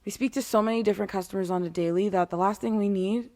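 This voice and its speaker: A woman's voice: medium pitch, steady tone, fast, dark tone. A woman with a mid-range voice talks casually and candidly, as if laying down rules for customers. She is blunt and swears freely, slipping in sarcastic, exasperated asides. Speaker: retail worker giving advice to customers.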